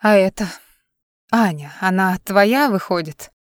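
A drunk, tearful young woman singer with slurred, wavering words, put on by a woman reading a story. The voice sits at a middle pitch and is heard close and dry. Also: unhurried, no room sound, lightly acted. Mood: tipsy, needling. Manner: slurred, wavering, swallowing letters.

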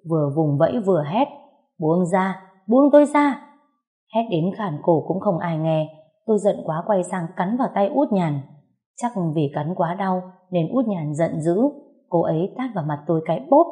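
A woman's voice: fairly low pitch, warm tone. A woman reading a first-person story aloud, expressively and with emotion.

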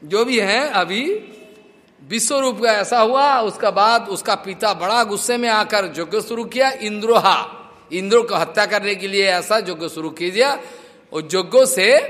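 A man with a high voice gives a devotional scripture discourse and tells stories in a chatty, lively way. The sound rings in a hall with a long echo. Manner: chatty storytelling with laughs and acted quotes. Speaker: preacher.

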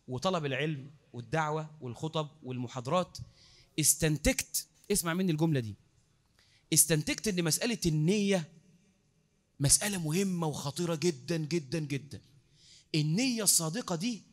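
Lively Egyptian preacher with a high voice. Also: male voice. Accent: Egyptian Arabic. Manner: lively, repeats words for emphasis, asks the crowd questions. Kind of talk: mosque lecture. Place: mosque.

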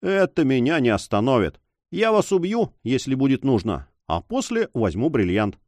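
In an audiobook, a man voices a mocking, cool-headed sailor who speaks slyly, tauntingly and emphatically. His medium-pitched voice is very animated yet close to an everyday voice, a little mellow at normal speed, with clean studio sound and no room sound.

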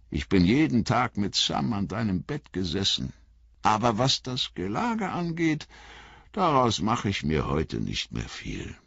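A man's voice: vocal fry, a bit bright, slightly rough, no echo, exaggerated voice. A man voicing a cheerful, chatty old male hobbit in a storybook reading. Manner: chatty, high and wavering. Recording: slightly muffled dry recording.

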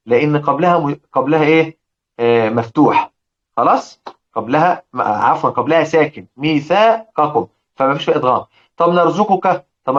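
A man with an Egyptian Arabic accent teaching Quran recitation, slowly repeating example words and often checking that his listeners follow. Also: a little high. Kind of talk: explaining lesson with recited examples. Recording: dull lo-fi recording.

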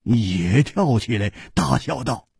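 Close to the mic with no room sound, a man tells a martial-arts tale in the traditional storytelling style. His delivery is slow, dramatic and highly expressive, with vocal fry and a breathy edge.

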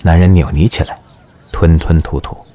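A man narrating an audio drama in an expressive storytelling manner. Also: deep voice, normal speed.

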